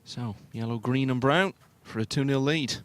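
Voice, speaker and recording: A man commentating on snooker in a hushed, measured, understated and analytical way. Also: medium pitch.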